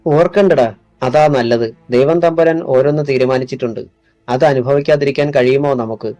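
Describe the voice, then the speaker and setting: A man voicing a weary middle-aged father on the run, talking low and tired, gentle with his son. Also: moderate pace, dry recording, faint music behind, close to an everyday voice. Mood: consoling.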